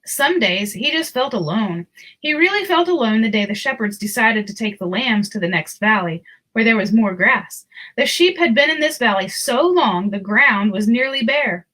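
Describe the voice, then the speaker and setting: With a fairly high pitch, this female narrator reads a children's storybook, her delivery expressive and carefully paced like a storyteller's.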